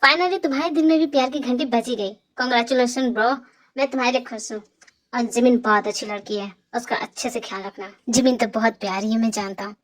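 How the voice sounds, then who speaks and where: A woman's voice: fairly high pitch, fairly even intonation, brisk, natural voice. A woman voicing a chatty, teasing young man friend in an amateur fan dub.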